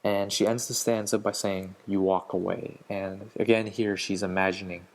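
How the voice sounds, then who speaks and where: A man's voice: sits low, level tone, normal speed. A man giving a spoken poetry analysis as a student, hesitant with fillers and restarts.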